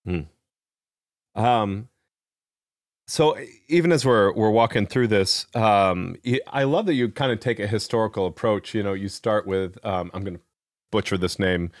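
Low-voiced Midwestern man hosting an interview. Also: normal speed, no echo, clean studio sound. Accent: Midwestern American. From American Midwest. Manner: rambling with frequent fillers and restarts. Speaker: podcast host. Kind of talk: casual interview.

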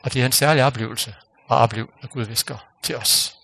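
A man delivers a sermon in a gravelly, mid-range voice. He speaks earnestly and leaves long pauses. His voice falls almost to a whisper when he stresses a point. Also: mid-range voice, fairly even intonation, no echo. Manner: earnest, pausing, drops to quiet near-whisper for emphasis. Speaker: preacher. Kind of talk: sermon with closing prayer.

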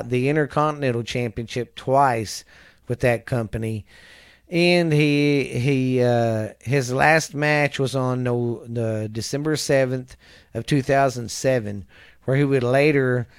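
A man's voice: mid-range voice, unhurried, clear, resonant tone, no echo, studio quality. A man hosting a casual podcast, reading a wrestling history recap from notes, often stumbling over names, correcting himself and chuckling at his slips. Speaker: podcast host.

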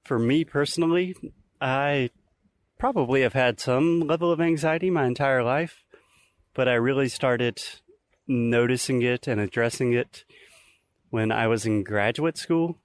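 A man's voice: mid-range voice, measured pace, no echo. Man podcasting outdoors, dry close sound. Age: early 30s. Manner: explanatory, conversational. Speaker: podcast host. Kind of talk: casual podcast talk. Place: outdoors in nature, recorded while walking.

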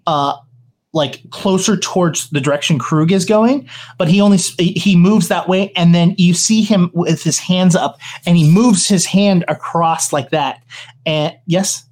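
Male game master, higher-pitched, improvised narration with a hesitant, thinking-aloud delivery. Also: measured pace, darkish tone.

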